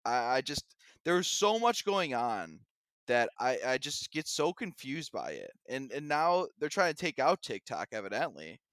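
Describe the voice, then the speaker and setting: A man's voice: medium pitch, very animated, moderate pace, fairly bright tone, no echo, studio quality. A young man co-hosting a podcast, chatting casually and animatedly, slipping into mocking rants. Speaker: podcast co-host. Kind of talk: casual chat.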